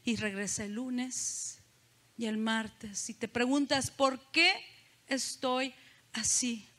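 A woman's voice: a little high, fairly even intonation, slow pace, bright, forceful tone. A woman preaching a sermon, talking to the congregation and putting questions to them. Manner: conversational, asks the congregation questions.

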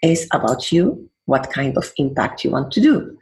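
Gravelly older Venezuelan-accented woman. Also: very deep voice, big pitch swings, normal speed, a little mellow. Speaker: guest counselor. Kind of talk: interview conversation.

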